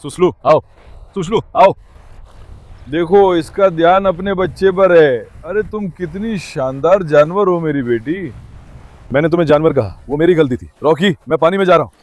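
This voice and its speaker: A man's voice: on the high side, normal speed, no room sound. Man coaxing dogs at the beach. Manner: affectionate, coaxing dogs with pet names. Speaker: dog owner vlogger. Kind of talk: casual vlog talk to pets. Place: outdoors at the sea shore. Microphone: handheld mic.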